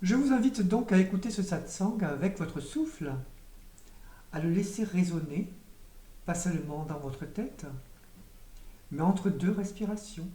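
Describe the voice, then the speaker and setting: A woman giving a spiritual teaching in a calm, measured, meditative way, with occasional hesitations. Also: fairly low pitch. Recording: roomy echo, voice from a distance.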